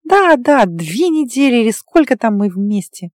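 A woman voicing a bold, sharp-tongued young heroine who reads minds, speaking in a raised, lively voice. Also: fairly high pitch, moderate pace, no echo, clean studio sound, voice pushed up.

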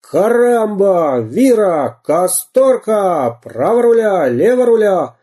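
A man putting on a loud, swaggering pirate captain who bellows every order far above his usual pitch. The voice stays husky and dark. It is a storybook reading. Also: very animated, slow, exaggerated voice. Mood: boisterous. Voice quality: bellowing, shouty. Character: boisterous bearded male pirate captain, boastful and loud.

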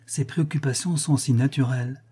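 A man's voice: mid-range voice, fairly even intonation, fairly quick, mellow, husky, lightly acted. A man voicing a grieving, melancholy prince in an audiobook reading, speaking solemnly and sorrowfully. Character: grieving middle-aged prince, noble and melancholy.

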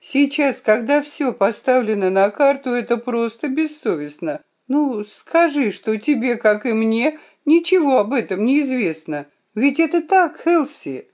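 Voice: medium pitch, very animated, a little slow, a little mellow. A reader voicing a tearful, indignant young woman. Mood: pleading. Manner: upset, trembling pleas. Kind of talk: audiobook reading.

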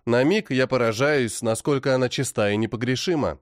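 A man narrating a first-person fantasy audiobook in a dramatic, expressive way. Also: medium pitch, brisk, dry recording, clean studio sound.

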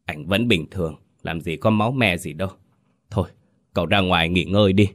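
A man voicing a calm older village chief in an audio ghost story, speaking briskly to settle someone down. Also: sits low.

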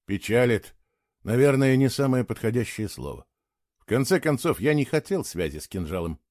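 A man voicing a gentle, doubtful man who speaks softly and hesitantly, in an audiobook. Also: mid-range voice, lively intonation, normal speed, no room sound, clean studio sound, close to an everyday voice. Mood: subdued. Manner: soft, quiet, hesitant. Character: gentle, doubtful man, soft-spoken partner.

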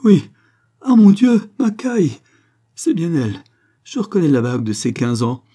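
A man voicing a grief-stricken mother who laments in a high, pleading voice. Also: big pitch swings, moderate pace, mellow, slightly rough. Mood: wailing.

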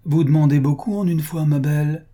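A man's voice: mid-range voice, animated, unhurried, pitched above the performer's own voice. A man doing a sly honeyed villain. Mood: ironic. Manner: smooth, honeyed, mock-gentle. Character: sly honeyed male villain, ironic and mocking.

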